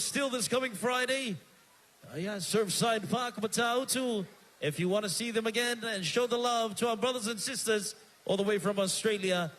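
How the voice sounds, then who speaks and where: A master of ceremonies with a Samoan accent and a high-sitting voice emcees a live evening stage show on a handheld microphone. He energetically calls out to the crowd, switching between Samoan and English.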